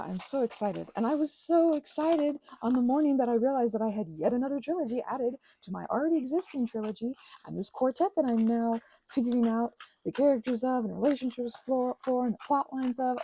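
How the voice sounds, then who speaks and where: A young woman hosting a craft and ASMR channel talks a little fast with hardly any pauses, her high-ish voice dark in tone, on poor audio with slight background noise. She rambles casually as she crafts, jumping between thoughts, interrupting herself, gushing, and poking fun at herself along the tangents.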